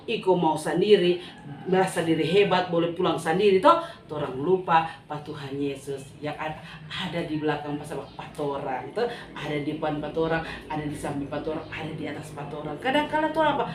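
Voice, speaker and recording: A woman with a Manado Malay accent telling a Bible story to children in an animated way, often asking them questions. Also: deep voice, a little fast, roomy sound, slight background noise. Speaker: Sunday school teacher.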